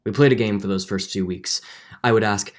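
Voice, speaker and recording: In a 1940s radio drama, a man gives brooding, confessional first-person narration as a guilt-ridden, earnest middle-aged judge, with hesitant turns. His pitch is fairly low, his pace a little fast, and his voice close to everyday speech.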